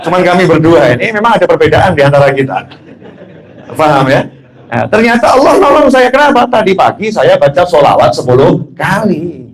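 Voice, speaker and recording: A man's voice: fairly high pitch, expressive, a little fast, rough recording. A man preaching as a habib, telling anecdotes, joking and asking the audience questions. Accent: Indonesian. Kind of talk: religious talk.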